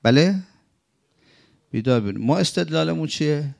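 A man teaching a sermon-style commentary on scripture, asking rhetorical questions and swinging between emphatic high phrases and low murmured ones. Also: lively intonation, gravelly, a little mellow. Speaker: religious teacher.

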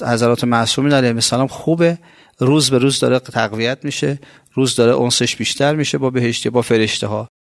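A man with an Iranian Persian accent preaches in a loose, conversational way, his voice gravelly with a steady creak. He pushes key lines up with emphasis, then lets other phrases sink low and slow. The sound is dry and close, with no room around it. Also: dry recording. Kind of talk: colloquial religious sermon.

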